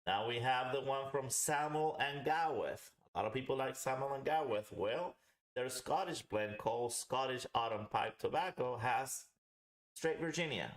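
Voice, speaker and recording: Medium in pitch and moderate in pace, a man hosts a laid-back live pipe tobacco review. He explains in a rambling manner and repeats himself for emphasis, in a roomy, echoing home recording.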